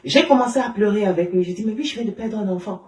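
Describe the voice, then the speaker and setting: A woman gives a heartfelt personal testimony in conversation. She speaks haltingly and often restarts her sentences. Her voice is at a middling pitch and comes from some distance off the mic, in a roomy space. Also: a little mellow. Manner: emotional, halting storytelling with many fillers and restarts. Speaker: interview guest.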